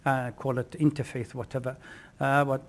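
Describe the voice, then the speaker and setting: A man from Iraq, an imam, answering radio interview questions in a measured, hesitant way with many pauses and fillers, at a table mic. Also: mid-range voice, level tone. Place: mosque event room, live broadcast table. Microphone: table mic with headphones.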